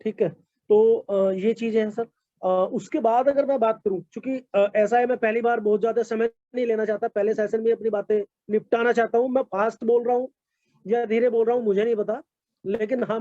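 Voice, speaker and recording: A man's voice: high-pitched, fairly even intonation, brisk, mellow, dry recording. A man giving product testimonials in an online meeting, talking politely with many fillers and frequent "sir". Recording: dull lo-fi call audio.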